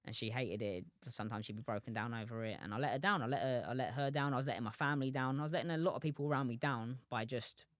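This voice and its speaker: A man's voice: medium pitch, racing, few pauses, fairly bright tone, no room sound, studio quality. A man in his twenties, a professional boxer, chatting as a podcast guest, rambling with many restarts and asides. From England. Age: 20s. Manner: rambling, many restarts and "do you know what I mean". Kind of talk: casual interview chat.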